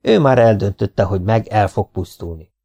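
A man's voice: fairly low pitch, gravelly, warm tone. A man voicing an impatient middle-aged villager who complains in an exasperated tone.

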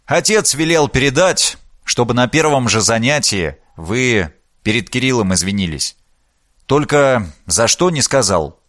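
A man's voice: mid-range voice, big pitch swings, unhurried, fairly bright tone, no echo. Audiobook: male reader plays a mocking elder brother, close to his own voice, dry booth. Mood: relaying. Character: mocking, teasing young man, elder brother.

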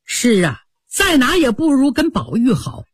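A woman radio storyteller, narrating with dramatic flair. Her voice is fairly high and swings widely, with a touch of huskiness, recorded close and dry. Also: huge pitch swings, measured pace, breathy edge, no room sound.

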